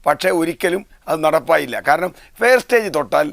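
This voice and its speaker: A man's voice: fairly high pitch, expressive, brisk, gravelly, no room sound, clean studio sound. A man arguing his point as a guest on a televised panel discussion. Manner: argumentative, rebutting.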